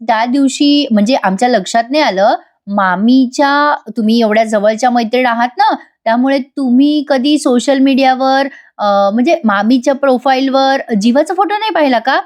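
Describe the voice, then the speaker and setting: A woman's voice: high voice, moderate pace, darkish tone, pitched above the performer's own voice, lightly acted. Woman doing a young scheming daughter. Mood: coaxing.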